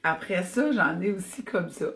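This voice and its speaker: A woman's voice: fairly low pitch, expressive, normal speed, a bit bright. A woman with an Acadian French accent from New Brunswick, chatting enthusiastically on a fitness live stream and slipping in English phrases. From New Brunswick, Canada. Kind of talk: casual live-stream chat.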